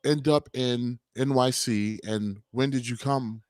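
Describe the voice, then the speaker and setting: A man's voice: medium pitch, slow pace, a little mellow, dry recording, clean studio sound. A man hosting a radio interview, talking in an enthusiastic, hyped-up way. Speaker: radio host.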